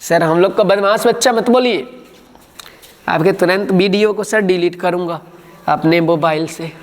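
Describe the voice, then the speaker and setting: A man's voice: high voice, normal speed, long reverb tail, lightly acted. A male teacher voicing a cheeky schoolboy who protests and asks questions in class. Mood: protesting.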